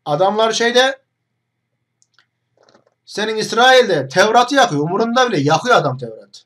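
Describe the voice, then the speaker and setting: A man's voice: high-pitched, big pitch swings, normal speed, fairly bright tone. A young man hosting an online video, talking straight to the camera in a mocking, combative monologue full of rhetorical questions.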